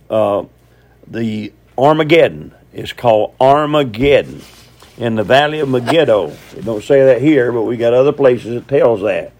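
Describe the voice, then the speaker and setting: A man's voice: medium pitch, darkish tone. A man preaching a teaching sermon on scripture, folksy and conversational, often asking his listeners questions.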